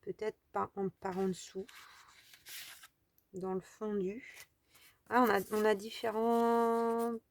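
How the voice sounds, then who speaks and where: A woman's voice: medium pitch, little pitch movement, slow, pauses often. A French woman chatting casually as she walks through a crafting tutorial, thinking aloud with trailing fillers. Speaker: crafting video host.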